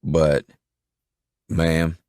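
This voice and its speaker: A man voicing a slow, heavy-set rural nephew who talks in a drawling, deferential way. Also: extremely low pitch, completely flat delivery, darkish tone, smooth, dry recording, clean studio sound, exaggerated voice. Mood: meek.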